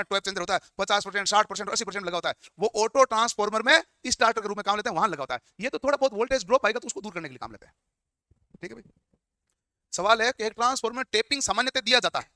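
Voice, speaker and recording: A man's voice: very high voice, sharp tone, dry recording, studio quality. A man teaching a class, firing questions at his students and answering them himself. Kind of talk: classroom lecture.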